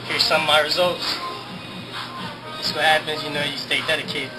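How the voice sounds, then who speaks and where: A man's voice: on the high side, level tone, moderate pace, loud music behind the voice, rough recording. A young man giving a casual, upbeat testimonial as a gym member, filmed in an indoor gym.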